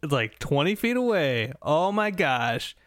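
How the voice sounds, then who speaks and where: An American podcast co-host, his voice on the high side with big pitch swings, tells a travel story a little slowly, rambling, laughing, and restarting a lot. The tone is a bit bright, and the clean studio sound has no echo in this casual storytelling chat.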